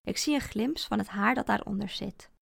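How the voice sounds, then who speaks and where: A woman reading a first-person story aloud, expressive with a deadpan sense of humour. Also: mid-range voice, moderate pace, creaky, slightly rough.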